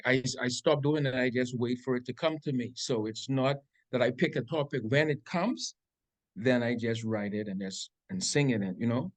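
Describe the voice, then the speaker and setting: A Bahamian man with a Bahamian accent, a reggae artist answering interview questions in a laid-back, hesitant way. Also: medium pitch. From Grand Bahama, Bahamas. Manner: laid-back, hesitant with many ums and restarts.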